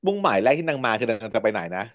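A man's voice: lowish voice, expressive, fast talker, fairly bright tone, dry recording, muffled recording. A man hosting a podcast, retelling a series in a chatty, playful way and laughing often. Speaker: podcast host. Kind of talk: casual chat recapping a TV series.

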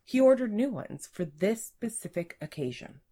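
A woman narrating a story in an even, measured storytelling manner. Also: mid-range voice.

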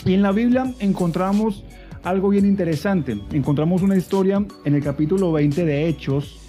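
High-voiced man telling a funny story. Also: moderate pace, dark tone, soft background music. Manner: humorous storytelling with playful voices. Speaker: podcast co-host.

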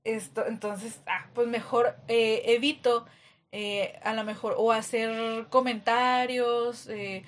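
A woman's voice: a little high, little pitch movement, takes it slowly. A woman with a Mexican accent in a casual podcast chat, thinking aloud with a lot of hesitation. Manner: hesitant, many fillers and restarts.

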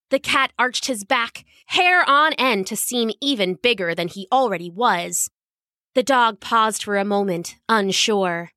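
A woman narrating a children's storybook in an expressive, lively reading. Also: a little high, no room sound, studio quality.

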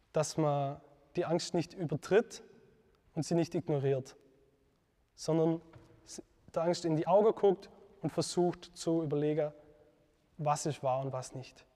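A man gives a devotional teaching talk in a slightly high voice, earnest and reflective. He pauses with fillers and corrects himself as he goes. His voice rings with a long reverb. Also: a little mellow.

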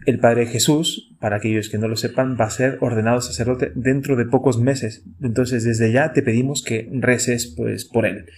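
A man's voice: mid-range voice, fairly even intonation, moderate pace, hardly any pauses, a little mellow. A man in his thirties from Chile with a Chilean Spanish accent, a priest hosting a podcast and talking reflectively, asking the listener direct questions. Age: 30s. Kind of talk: casual pastoral podcast talk.

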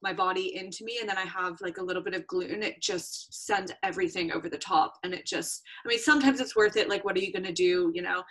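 Co-host: woman, lowish pitch, bright edge, easygoing and reflective. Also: quick pace, few pauses. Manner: relaxed, reflective, filler-heavy. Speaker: podcast co-host. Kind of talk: casual podcast chat.

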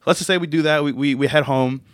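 A man's voice: fairly high pitch, steady tone, fast talker, clean tone, no echo, studio quality. Playful young man hosting a chat. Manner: playful, acts out scenes with shouted put-on voices. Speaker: podcast co-host. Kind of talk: casual faith podcast chat.

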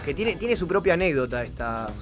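Excitable Rioplatense radio host man. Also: a little high, a little fast, soft background music. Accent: Rioplatense Spanish. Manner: loud, excitable, swears casually. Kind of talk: casual radio chat. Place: radio studio.

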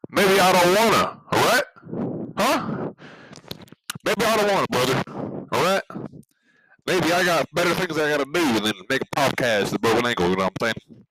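A man's voice: fairly high pitch, animated, normal speed, long pauses, noisy background, close to an everyday voice. A man playing a blustering, belligerent macho podcaster in an improvised comedy monologue, rambling and repetitive. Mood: defensive. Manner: repetitive, rambling, swearing bravado.

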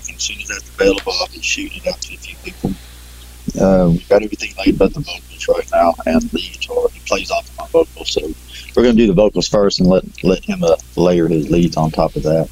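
Guest caller: deep, husky middle-aged Texan man, easygoing and rambling, heard over a distorted call line that keeps clipping and fading away. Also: very animated, fast, darkish tone. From Texas, USA. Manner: easygoing, rambling, loses his thread. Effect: call audio clipping and fading out. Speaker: band singer, call-in guest. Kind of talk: casual interview over a call.

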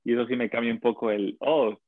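A man's voice: mid-range voice, fairly even intonation, fast talker, no room sound. A man, co-hosting a casual chat and joking around with silly impressions. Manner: jokey, laughing, does silly impressions. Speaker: podcast co-host. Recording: tinny phone-like line.

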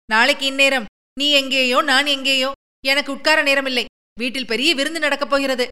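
Lady voicing a young village girl in a story, higher and louder, all flustered. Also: fairly even intonation, normal speed, big-room sound. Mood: agitated. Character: spirited young village woman, anxious.

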